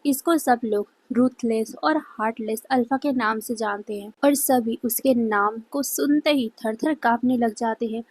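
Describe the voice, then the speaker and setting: A woman narrating a fan-fiction story in a dramatic, expressive way. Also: a little high, poor audio.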